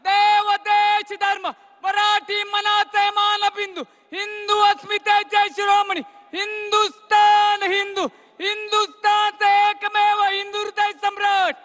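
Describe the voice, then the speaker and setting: A man announcing a speaker at a political rally with drawn-out, chanted shouts. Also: very high voice, completely flat delivery, some chatter behind.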